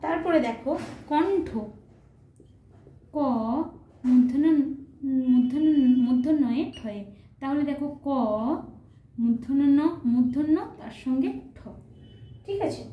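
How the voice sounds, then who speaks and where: A woman's voice: sits high, expressive, a little slow, long pauses, reverberant, lo-fi sound. A woman teacher explaining a grammar lesson patiently, step by step, often checking that students follow. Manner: patient, step-by-step, often asks "ঠিক আছে?".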